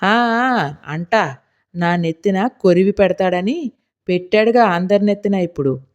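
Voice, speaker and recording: A woman reading an audiobook voices a scolding middle-aged village housewife with a shrill, indignant, nagging delivery. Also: unhurried, darkish tone, muffled recording, natural voice.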